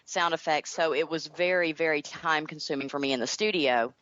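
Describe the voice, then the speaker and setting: Speaking fairly quickly in a low, fairly bright voice, this middle-aged guest author and audio drama creator from North Carolina chats through interview questions in a Southern American accent. The audio is dry and muffled.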